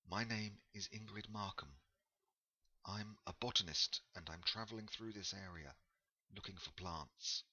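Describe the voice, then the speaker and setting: A man voicing a polite young woman botanist on her travels, speaking gently and courteously. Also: on the low side, husky, highs cut off, voice pushed up, full character voice.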